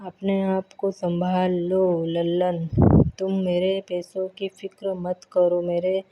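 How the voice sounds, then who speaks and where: Woman doing a fatherly old moneylender guy, soothing, low slow voice, muffled recording. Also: completely flat delivery, a little hiss or hum. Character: kindly older moneylender man.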